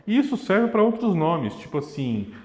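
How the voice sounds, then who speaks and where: A man's voice: sits high, big pitch swings, moderate pace, darkish tone. A young man teaching violin, explaining patiently and singing short phrases to illustrate. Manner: demonstrative, sings and vocalizes rhythms to illustrate. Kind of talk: explanatory music lesson. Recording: echoey room with long reverb. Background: violin playing.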